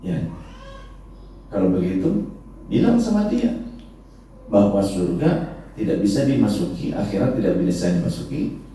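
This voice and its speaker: Joking preacher in an echoey hall. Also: male voice, lowish voice, a little slow, long pauses, a little hiss or hum. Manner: joking, lively storytelling with frequent laughter. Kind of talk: sermon. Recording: echoey hall, distant mic, faint ambience.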